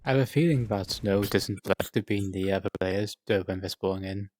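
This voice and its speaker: A man in a casual online voice chat for a roleplay, thinking aloud with lots of pauses and fillers. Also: lowish voice, darkish tone, dry recording. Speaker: roleplay participant.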